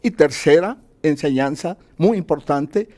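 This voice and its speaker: Here a Colombian man with a fairly high, dark-toned voice speaks in an animated yet unhurried way. He is an economist being interviewed, and he enumerates points, asks himself questions, and answers them like a teacher.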